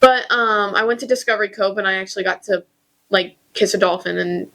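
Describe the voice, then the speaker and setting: A woman's voice: medium pitch, a little fast, creaky, rough recording. A young woman, a student co-hosting a podcast, chatting casually with frequent ums and likes. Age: young adult. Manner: relaxed, many ums and likes. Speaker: podcast co-host, university student. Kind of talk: casual chat.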